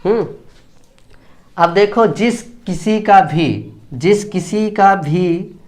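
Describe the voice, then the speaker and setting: A man's voice: sits high, expressive, very slow, darkish tone. A man. He goes over every point more than once and keeps checking that the students follow. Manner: repeats points and checks understanding often. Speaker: English teacher. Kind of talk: classroom grammar lesson in Hindi.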